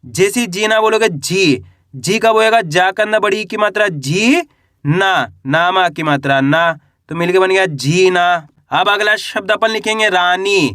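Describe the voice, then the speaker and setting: A man teaching reading and writing, slowly sounding out syllables and asking his listeners questions. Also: sits high, sharp tone, dry recording, clean studio sound. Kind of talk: Hindi reading and writing lesson.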